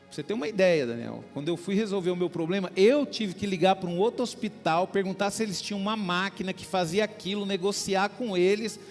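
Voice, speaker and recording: A male pastor preaching a sermon, talking warmly to the congregation and acting out little everyday dialogues. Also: high-pitched, fairly quick, hardly any pauses, in a large hall, faint music behind. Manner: preaching with small acted-out dialogues and frequent "queridos".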